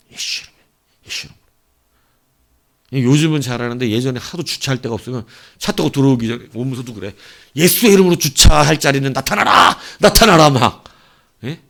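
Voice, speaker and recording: A pastor in mid-sermon, a man whose voice rises and falls widely, with a middle-pitched tone. He tells stories in an animated way, dropping to near-whispered asides and then building to loud, urgent declarations. The delivery stays lively and emphatic. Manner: animated storytelling, swings from soft asides to loud exclamations.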